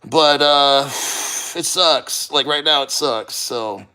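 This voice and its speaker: Guy livestreaming casually, kinda strained from the cold, slow and halting, sharp bright voice, swears a bit. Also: mid-range voice. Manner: blunt, swearing; halting, sighing, throat-clearing while enduring icy water. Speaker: livestreamer reading viewer comments.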